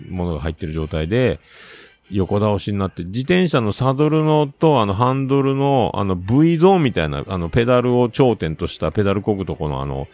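A man talking casually on his own, telling a rambling story with lots of filler words and animated retelling. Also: fairly low pitch, dry recording. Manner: chatty, animated, with many fillers.

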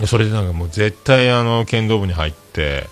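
A man's voice: lowish voice, expressive, normal speed, soft background music. A man with a hosting a podcast, telling a story in a loose, rambling way full of fillers. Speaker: podcast host. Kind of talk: casual solo radio talk.

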